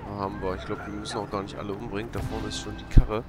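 A man's voice: fairly low pitch, flat delivery, racing, over loud music. A man doing casual, slangy, grumbling gameplay commentary over game sounds. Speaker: let's player. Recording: loud game gunfire and vehicle noise. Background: shooter game sounds.

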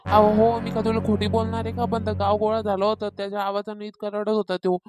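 A woman with a mid-range voice and a rural Maharashtrian accent voices a meddling older village gossip in Marathi cartoon comedy dialogue, sounding insistent and tattling. Her tone is level, her pace a little fast, the acting light, with music in the background.

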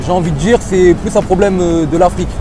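A man's voice: high-pitched, fast, music in the background. A man, an artist, answering a street interview outdoors in a frank, assured way. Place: busy city avenue outdoors.

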